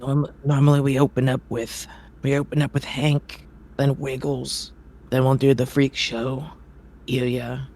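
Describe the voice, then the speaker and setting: A man's voice: medium pitch, little pitch movement, a little slow, a little mellow. A man voicing a bossy, impatient halfling circus ringleader who barks orders. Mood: businesslike. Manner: impatient, barking orders, fumbling. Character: gruff, bossy little halfling ringleader, middle-aged man.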